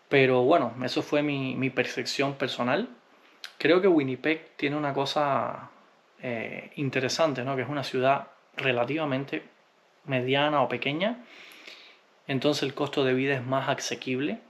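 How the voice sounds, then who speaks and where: A man from Cuba, answering viewer comments in a relaxed, unhurried vlog, often pausing with hesitations. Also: medium pitch, a little hiss or hum. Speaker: vlogger.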